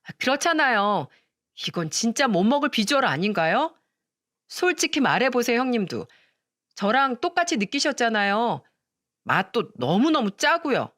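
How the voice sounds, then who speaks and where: A woman's voice: on the high side, sing-song, moderate pace, a bit bright, no echo, clean studio sound, pitched above the performer's own voice. A woman reading a story voices a rude, mocking young sister-in-law.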